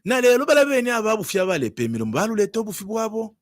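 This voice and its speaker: A man's voice: high voice, huge pitch swings, rapid-fire, no echo, clean studio sound. A man with a Zambian accent speaking as a politician in an interview, arguing emphatically and repeating words and phrases.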